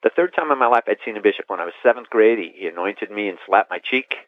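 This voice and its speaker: A middle-aged man, a priest, telling his story in an interview, rambling and animated, restarting sentences and laughing. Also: lowish voice, fast talker, no echo. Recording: tinny phone-line sound.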